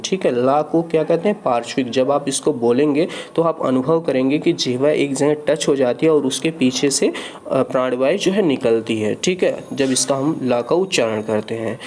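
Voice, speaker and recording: A man's voice: a little high, a little mellow, slight background noise. A man teaching Hindi grammar in an online exam-prep lesson. He explains each point patiently and keeps checking in with "ठीक है".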